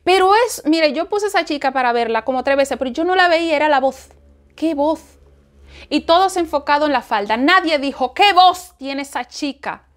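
High-voiced woman teaching with animated emphasis. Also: fast talker, hardly any pauses. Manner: animated, repeats phrases for emphasis. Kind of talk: informal Bible study talk.

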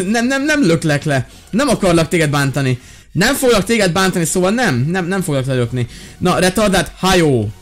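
A young man role-playing a fed-up teacher in a game, yelling, pleading and exclaiming in exasperation. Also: sits high, sing-song. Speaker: gaming YouTuber playing a teacher. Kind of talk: Minecraft role-play commentary.

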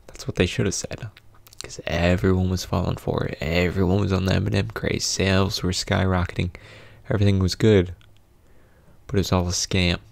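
A young adult man hosts a casual, comedic storytime as a video storyteller, his low voice full of creak and broken up by mock-dramatic pauses. He records in a small home studio on a close condenser mic with a pop filter, so the sound is dry and close with no room sound.

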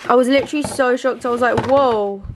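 A woman's voice: a little high, level tone, rapid-fire, background noise. A young woman talking in a gushing casual vlog, groggy from just waking up. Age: young adult. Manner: gushing, says "literally" and "wow" a lot. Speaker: vlogger.

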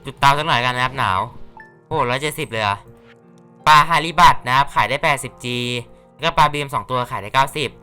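A man's voice: mid-range voice, fast talker, sharp tone, smooth, soft background music. A man casually commentating a farming game, chatty and playful, reading the characters' lines aloud. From Thailand. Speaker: gaming YouTuber. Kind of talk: casual Let's Play commentary.

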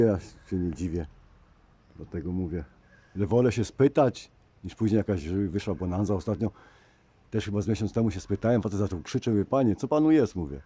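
A man with a lowish, warm, husky voice keeps pigeons and chats casually to viewers outside, addressing them as dear ones while recording on a phone. Birdsong and outdoor sounds fill the background of his running commentary.

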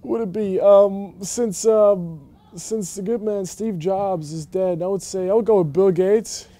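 A young college athlete from Germany answers questions in a relaxed, halting way, full of ums and restarts. His voice is mellow and a little high for a man. He sits in an empty indoor arena. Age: young adult. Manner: hesitant, many fillers and restarts. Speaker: college basketball player. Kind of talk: casual interview answers.

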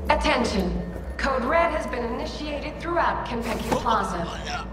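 A woman voicing a calm, formal hotel security announcer whose instructions come over a public address loudspeaker in a video game. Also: sits high, unhurried. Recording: echoey loudspeaker under loud game music.

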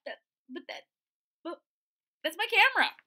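A woman voicing an indignant young schoolboy who loudly insists the camera is his. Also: very animated, a little slow, exaggerated voice. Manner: loud, high, insistent protesting.

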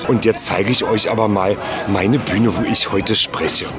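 A man's voice: fairly low pitch, fairly even intonation, measured pace. A man in drag vlogging to camera, camp and playful, making fun of himself. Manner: camp, playful, self-mocking. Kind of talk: chatty on-the-go vlog. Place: car, then outdoor terrace and large hall. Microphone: handheld camera at arm's length.

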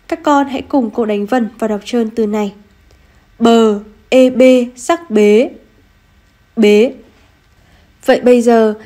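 Woman teacher talking real slow for little kids, a bit high voice, sounds every letter out clearly. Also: a little mellow. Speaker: primary school teacher. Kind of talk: online lesson for first graders.

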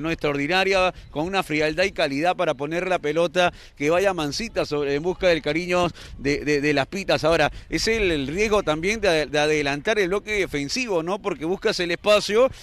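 A Peruvian man co-commentates on football in a notably high voice. He talks conversationally and chattily, often tagging his remarks with little questions. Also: fairly bright tone. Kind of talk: conversational match commentary with greetings and sponsor reads.

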